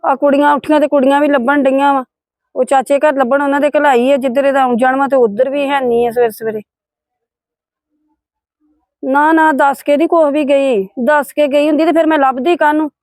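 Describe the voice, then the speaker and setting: Worried older Punjabi woman, high for her age, dry sound, rambling. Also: fairly even intonation, brisk, darkish tone, no echo. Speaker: actor in a family drama. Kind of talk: village family drama acting.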